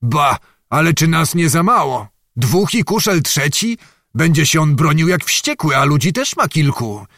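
A man's voice: on the high side, very animated, unhurried, a bit bright, dry recording, clean studio sound, pitched above the performer's own voice, full character voice. Man putting on a blustering old nobleman. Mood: scheming. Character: boastful old male nobleman, excitable and blustering.

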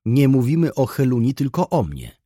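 A man voicing a gentle young woman turned defiant. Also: medium pitch, very animated, moderate pace, no room sound, clean studio sound, voice pushed up. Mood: impassioned. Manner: passionate, pleading, rising to outbursts.

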